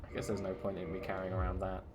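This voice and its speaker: A young man with a low-pitched voice streams his first run of a game, talking fast in a completely flat delivery over music. His casual commentary is playful and jokey, often poking fun at himself.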